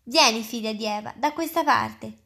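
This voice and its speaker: A polite, nervous male faun speaks in a storybook reading, courteous and eager to please, a little flustered, voiced by a woman reader. The voice sits somewhat high. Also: normal speed, creaky, fairly bright tone. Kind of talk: reading aloud.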